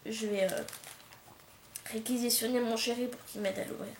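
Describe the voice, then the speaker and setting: Woman vlogger, slightly high, chatty and excitable, camcorder audio in an echoey room. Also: normal speed. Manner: chatty, many fillers and restarts, excited exclamations. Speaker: book vlogger. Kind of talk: casual unboxing chat. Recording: echoey room with faint noise.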